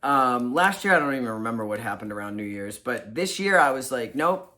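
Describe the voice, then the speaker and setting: Male co-host, bright tone, candid and self-deprecating, casual reflective chat. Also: mid-range voice, lively intonation, brisk. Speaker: podcast co-host.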